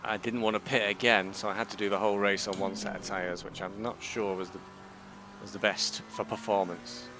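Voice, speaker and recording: A man's voice: fairly low pitch, level tone, a little fast. A man giving casual running commentary on his own sim race as he drives. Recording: car engine noise behind.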